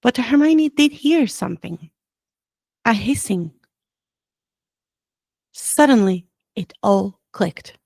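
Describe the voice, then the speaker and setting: A woman narrating a storybook aloud at a steady, even pace with some dramatic lifts. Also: a little high, slow, vocal fry, long pauses, no room sound. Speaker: audiobook reader.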